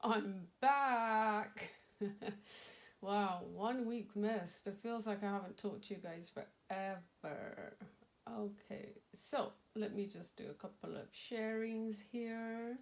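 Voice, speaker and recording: A middle-aged woman hosts a casual craft livestream, her slightly nasal, mid-range voice moving slowly. She chats and rambles, laughs often, and greets viewers by name.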